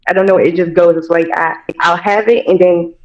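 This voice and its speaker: A woman's voice: on the low side, fairly even intonation, fairly quick. A woman in her thirties calling in over a muffled phone line, talking hesitantly and rambling with many fillers. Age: 30s. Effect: muffled phone-call line. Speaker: caller. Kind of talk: call-in conversation. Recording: dull lo-fi call audio.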